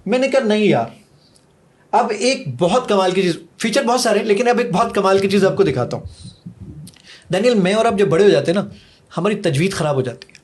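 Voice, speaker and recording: A man eagerly demonstrating his own app in a podcast conversation, counting seconds aloud. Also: high voice. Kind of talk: podcast conversation, product demo.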